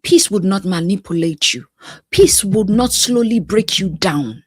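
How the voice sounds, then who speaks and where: A woman's voice: medium pitch, expressive, slightly rough, no room sound. Woman life coach, motivational delivery, preacher-like rhythm with whispered asides, dry recording. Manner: emphatic, repetitive, preacher-like cadence with pauses. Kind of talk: motivational talk to camera.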